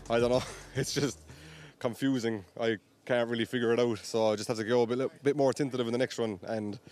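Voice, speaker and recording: In a trackside interview, a drift driver talks through a bad run, frustrated and rambling, with nervous laughs. His mid-range voice is slightly mellow and fairly even in intonation, he speaks fairly quickly, and faint music plays behind him.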